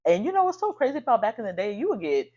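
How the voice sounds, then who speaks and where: A woman's voice: on the high side, sing-song, a little mellow. Woman retelling a spooky tale, lo-fi. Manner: halting retelling with repeated restarts. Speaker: podcast co-host. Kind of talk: casual storytelling chat. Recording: dull lo-fi sound.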